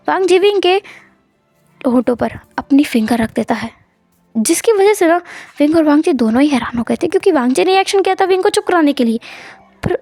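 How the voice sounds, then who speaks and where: A woman narrates a fan fiction story in a relaxed, conversational way, with plenty of expression. Her voice is high, and the recording is dry and close with faint background music. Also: no echo.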